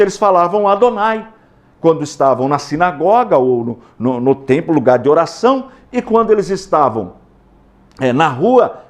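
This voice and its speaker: Lively high-voiced Brazilian pastor teaching. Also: male voice. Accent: Brazilian Portuguese. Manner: emphatic, repeats words, spells out letters and sounds. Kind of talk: teaching a Bible lesson.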